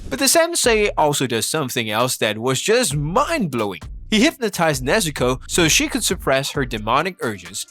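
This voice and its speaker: A man with a slightly high, bright, forceful voice reads scripted video essay narration over background music. His delivery is rhetorical and mock-exasperated.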